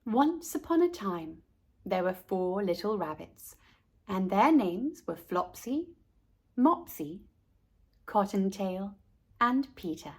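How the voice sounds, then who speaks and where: A woman hosting a storytime reads a children's storybook aloud, deliberate and expressive, addressing young listeners directly. Her voice is husky and of medium pitch.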